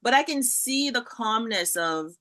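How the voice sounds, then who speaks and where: Woman host, bright sharp voice, gushy and excited, casual chat. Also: fairly high pitch, a little slow. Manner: enthusiastic, affirming. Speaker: interview host.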